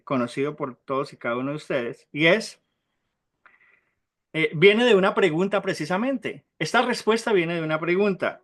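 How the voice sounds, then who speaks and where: A man teaches a Bible class and keeps turning to his students with questions, checking they follow along. He spells out Hebrew terms slowly for them. His voice sits a little high. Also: a bit bright. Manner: questions the class often, tag "¿sí?".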